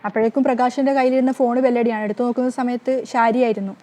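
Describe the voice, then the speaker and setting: Woman narrator, fast running recap, slightly high voice. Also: fairly even intonation, warm tone. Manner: rapid, breathless retelling.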